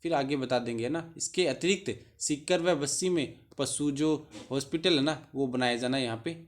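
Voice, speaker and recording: A man teaching exam students. He reads a budget document aloud haltingly and adds short casual explanations between the passages. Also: medium pitch.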